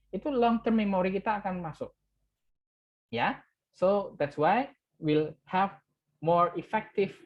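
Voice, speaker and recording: A man from Java with a high-pitched voice and darkish tone lectures an English class, the audio sounding dull. He has an Indonesian accent, Javanese is his first language, and he switches between English and Indonesian, repeating key words with "ya".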